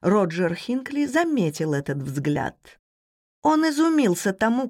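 A woman with a medium-pitched voice reads an audiobook script in a measured, expressive way. The sound is clean studio audio with no room sound.

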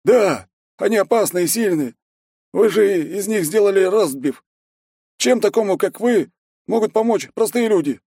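Man doing a high, cagey village headman. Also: expressive, moderate pace, mellow, slightly rough, no echo, clean studio sound, full character voice. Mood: sly. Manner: folksy, cagey, wheedling. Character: wary folksy village headman, middle-aged male warrior.

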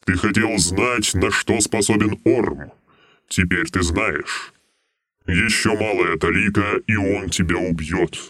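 A man's voice: low-pitched, slow pace, a bit bright, no room sound, studio quality. A grave shadow king. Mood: stern. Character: shadow king homunculus, gloomy stern old male. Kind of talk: audiobook role.

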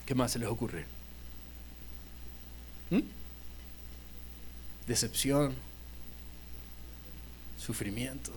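A man's voice: mid-range voice, a little hiss or hum. A male pastor preaching a sermon in a church, retelling scenes and asking the congregation questions.

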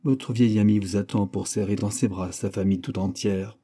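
Solemn, husky male audiobook narrator. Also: on the low side, steady tone, mellow. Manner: measured, solemn reading. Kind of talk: audiobook reading of a classic story.

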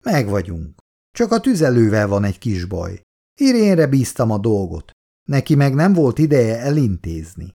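A calm, dutiful grown son, read by a man close to his own voice, reassuring and kind. The voice is low, dark and gravelly, with a lively pitch.

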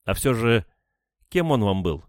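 A man voicing a calm, persistent male investigator who asks polite, patient questions. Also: lowish voice, unhurried, no room sound, clean studio sound, pitched above the performer's own voice.

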